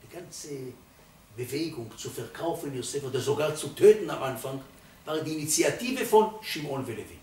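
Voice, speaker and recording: A man's voice: a little high, expressive, normal speed. Elderly male rabbi in his eighties, emphatic Torah sermon, heard from a distance in a roomy space with faint background noise. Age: 80s. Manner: emphatic, swells from quiet to loud for stress.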